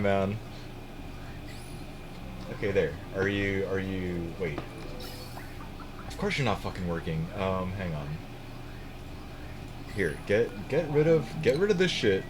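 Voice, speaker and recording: A young American man with a lowish voice speaks slowly and pauses often during casual chat on his gaming live stream, though his intonation stays lively. He rambles, swears, and begins sentences again. Background noise is present.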